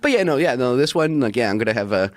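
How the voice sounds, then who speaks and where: A man's voice: mid-range voice, lively intonation, fast talker, no echo. A man answering casual interview questions, rambling and laughing between words. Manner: rambling, laughing often, filler-heavy.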